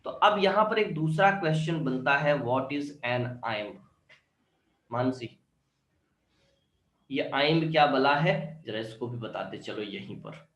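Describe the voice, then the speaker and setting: A man teaching an online English literature class, explaining step by step and often checking "clear?", with Indian-accented English. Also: a little high, animated, unhurried, a bit bright, roomy sound, poor audio.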